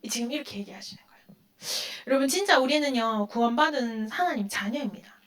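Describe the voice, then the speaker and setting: Woman preaching to the youth group, high voice, keeps asking questions and answering them. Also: lively intonation, fast talker, a bit bright. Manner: acts out quoted lines in a dramatic voice. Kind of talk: sermon to teenagers.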